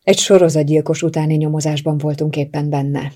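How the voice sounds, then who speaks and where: Low, husky woman narrating a novel. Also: little pitch movement, mellow. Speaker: audiobook narrator. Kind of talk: first-person novel narration.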